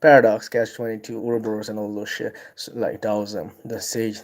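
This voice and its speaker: This fairly low-pitched man speaks at normal speed with little pitch movement, carrying a Bengali accent from Bangladesh. In a casual livestream book talk he reads and reviews a book, rambling irreverently with laughs between thoughts and declaiming passages in a louder voice.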